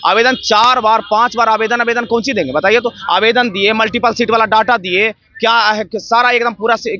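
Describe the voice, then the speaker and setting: A protesting teacher candidate speaks in an aggrieved tone during a street interview, firing off rhetorical questions. His voice sits high, bright and forceful, captured in a dull lo-fi street recording.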